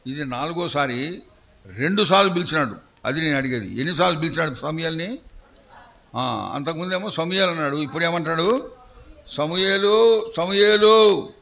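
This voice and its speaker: A man preaching a sermon, telling the story in an animated way, acting out voices and putting questions to the congregation. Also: a little high, highs cut off.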